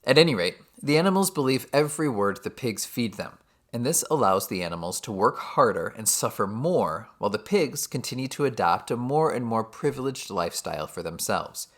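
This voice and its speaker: A man's voice: medium pitch, lively intonation, fairly quick. A man giving a scripted summary of a novel chapter, with dry, sardonic asides. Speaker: literature teacher. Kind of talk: scripted book summary narration.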